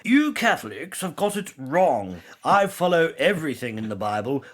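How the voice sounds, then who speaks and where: A man's voice: a little high, sing-song, moderate pace. A man voicing a haughty male debater in a put-on British accent, lecturing in a podcast sketch.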